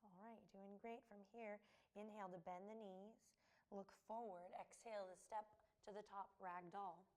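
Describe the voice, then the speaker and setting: Calm woman guiding a yoga class. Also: medium pitch, moderate pace. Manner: calm, encouraging cues timed to the breath, with light laughs. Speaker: yoga teacher. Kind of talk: guided yoga class instruction.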